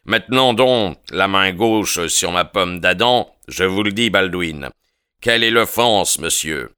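A man's voice: low-pitched, animated, a little slow, bright, forceful tone, smooth, dry recording, studio quality, exaggerated voice. A man voicing a jovial but domineering male lodge boss in an audiobook, with a bluff, commanding manner. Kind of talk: audiobook character reading.

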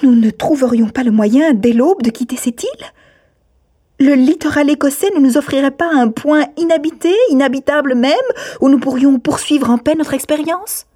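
A woman's voice: fairly high pitch, animated, moderate pace, mellow, slightly rough, voice pushed up. A woman reading aloud, voicing a proud and determined young lady who speaks curtly and in command. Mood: imperious. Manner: curt and commanding.

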